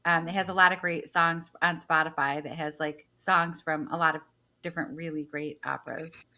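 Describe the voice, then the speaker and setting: A woman's voice: sits low, steady tone, moderate pace, bright, forceful tone. A woman co-hosting a live podcast in casual chat, upbeat, with fillers and small laughs. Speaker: podcast co-host.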